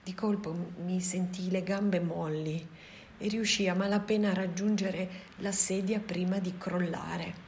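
A woman giving a scripted audiobook narration of a novel in a soft, even reading voice. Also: lowish voice, a little slow, a little hiss or hum. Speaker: audiobook reader.

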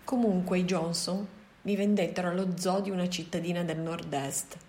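A woman voicing a wise male gorilla teacher who speaks calmly and tells his story in a measured way. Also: lowish voice, lightly acted. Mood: calm, explaining.

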